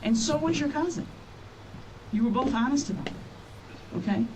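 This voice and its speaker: A woman's voice: high-pitched, lively intonation, normal speed. A woman police detective conducting an interrogation, firm and pressing, repeating her key points. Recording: distant interview-room mic with faint noise.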